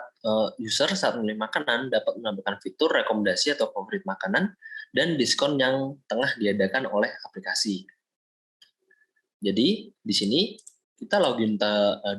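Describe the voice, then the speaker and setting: A young man from Indonesia, a student, explaining a software project step by step in a screen-recorded walkthrough, often pausing with fillers. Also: on the low side, poor audio. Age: young adult. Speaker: student presenting a project demo.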